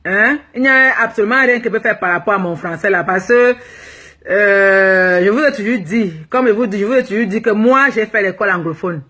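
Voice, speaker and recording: With a medium-pitched, sharp-toned voice and a slightly fast pace, this Cameroonian woman, a plus-size fashion blogger, responds to live viewer comments. She's blunt and teasing, and her Cameroonian-accented French is sprinkled with English phrases.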